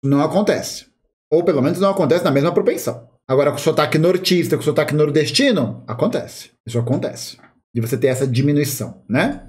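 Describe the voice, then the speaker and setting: A man from São Paulo with a Paulista accent, co-hosting a podcast and talking in a casual, slangy, animated way. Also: a little high, quick pace. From São Paulo, Brazil. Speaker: podcast co-host. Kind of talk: casual discussion.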